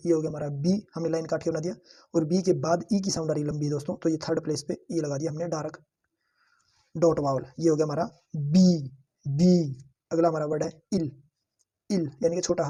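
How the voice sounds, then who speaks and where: A man teaching a shorthand lesson, saying each word slowly and several times so students can repeat after him, and calling his viewers friends. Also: fairly high pitch, dark tone, slightly rough. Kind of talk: lesson with drilled repetition.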